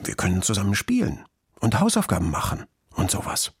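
A man voicing an eager little schoolgirl who begs sweetly and speaks up proudly, in a husky voice. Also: huge pitch swings, fairly quick, no echo, clean studio sound, heavily acted. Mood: warm. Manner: bright, begging, high voice.

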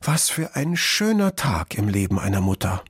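A man voicing a proud, tender mother fox in a storybook, speaking softly and slowly. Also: mid-range voice, breathy edge, no echo, clean studio sound, pitched above the performer's own voice, close to an everyday voice.

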